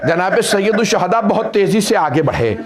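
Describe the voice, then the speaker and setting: A man's voice: high voice, lively intonation, normal speed, over a noisy crowd. A middle-aged man, a Shia cleric, recites a mourning sermon and rises to wailing peaks in the quoted lines.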